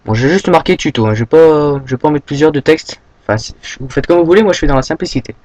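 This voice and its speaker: A young man from France giving a casual, rambling software tutorial, full of fillers and a habit of saying "hop" as he clicks. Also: on the high side, quick pace, highs cut off, a little hiss or hum. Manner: rambling, filler-heavy, says "hop" often. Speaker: tutorial maker.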